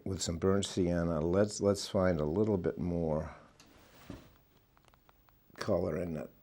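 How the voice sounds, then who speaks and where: A man giving a relaxed watercolour painting demonstration, thinking aloud as he works. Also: deep voice, slow. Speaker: watercolour instructor.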